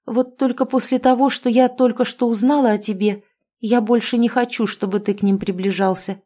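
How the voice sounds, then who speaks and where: Brief: a woman voicing a young mother in an audiobook, high and shaky, defiant, breaking into shrill screams. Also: fairly even intonation, moderate pace, warm tone, close to an everyday voice. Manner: trembling, then shrill screaming.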